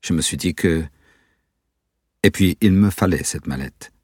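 Guy doing a jumpy paranoid young man, cagey, deep husky and dry. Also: unhurried, darkish tone, dry recording. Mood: explaining. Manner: guarded, hesitant, tense. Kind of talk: audiobook character voice.

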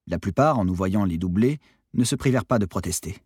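A man narrating an audiobook in a calm, quiet first-person manner. His voice sits low and a little husky, recorded close and dry with no room sound. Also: a little fast, no room sound.

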